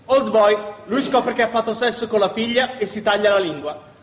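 This is a live stage recitation by a male performer in a theatre, delivered at normal speed. He has a fairly high voice for a man, and the audio rings with a long, heavy hall reverb.

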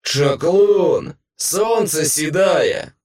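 A man voicing a vicious, gloating nightmare spirit in snarling, drawn-out shouts. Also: on the high side, sing-song, pitched above the performer's own voice, heavily acted.

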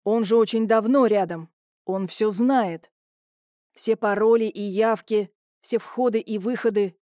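A woman voicing a gruff, blunt man, an older brother who growls his curt lines in an audiobook. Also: medium pitch, unhurried, mellow, dry recording, clean studio sound, lightly acted.

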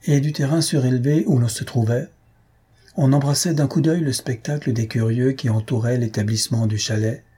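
Husky, dark-voiced male narrator. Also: mid-range voice. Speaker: audiobook narrator. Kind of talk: scripted narration of a comic novel.

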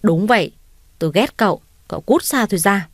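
A woman reading a scheming, sharp-tongued young woman. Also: mid-range voice, animated, a little fast, no echo. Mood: angry. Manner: cold, sharp. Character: scheming proud young woman, quick to anger.

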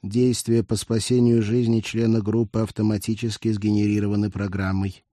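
Narrator putting on a cold mechanical male cyborg, emotionless and curt, dark low tone, dry read. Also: moderate pace, no room sound, lightly acted. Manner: flat, mechanical machine-like delivery. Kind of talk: audiobook narration.

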